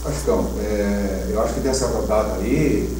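An older man co-hosting a sports talk show, chatting casually with lively emphatic bursts. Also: on the low side, brisk. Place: TV studio set. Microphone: lapel mic. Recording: echoey room, mic far off, faint hum.

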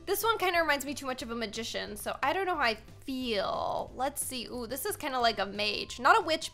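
A young adult American woman hosts a gaming video, her voice high and bright. She keeps the commentary casual, chatty and expressive, packed with exclamations, while music plays in the background.

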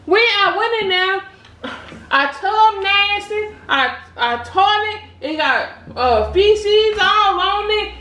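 A woman's voice: extremely high pitch, animated, takes it slowly, sharp tone. A flustered, out-of-breath woman co-hosting a comedy vlog, fretting and repeating herself. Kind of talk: comic improvised chat. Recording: roomy echo.

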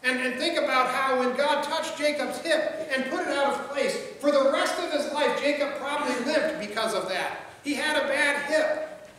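The voice of this middle-aged pastor is extremely high, pushed, and bright, moving at a normal speed. He delivers a conversational sermon in a large church, repeating words as he goes and adding jokes and quoted voices. It's recorded via pulpit mic and distant camera, so the sound is far-off and echoey with faint ambience.

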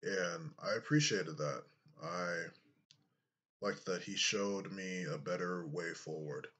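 A man in his thirties, a YouTuber, vlogs casually to his webcam from a small room. His voice is deep with a sharp tone, and his delivery is slow, reflective and heavy on fillers.

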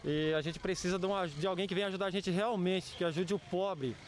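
A young man talks plainly and bluntly to a reporter outdoors on a residential street. His voice is high for a man, with faint street and vehicle sounds behind him. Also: fast, a little hiss or hum. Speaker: interviewee, truck driver. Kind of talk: street interview. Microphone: handheld reporter mic.

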